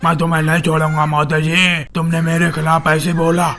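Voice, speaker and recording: A sulky young actor without work, whining and refusing to back down, as a man puts him on. The voice has a gravelly edge. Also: a little high, completely flat delivery, brisk, a bit bright, voice pushed down. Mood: defiant. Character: jobless young male actor, sulky, defiant.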